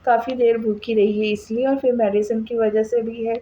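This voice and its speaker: A woman voicing a calm, gentle older brother who speaks soothingly in a read-aloud novel. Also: extremely high pitch, normal speed, highs cut off, a little hiss or hum.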